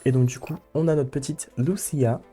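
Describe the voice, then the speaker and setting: A young man talks his viewers through his game in a loose, casual way. His voice is mellow and warm, and he keeps looping back with fillers and half-started phrases. Soft music runs faintly behind him. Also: mid-range voice, fairly even intonation, moderate pace. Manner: rambling, many fillers and restarts. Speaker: let's play host. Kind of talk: casual gameplay commentary.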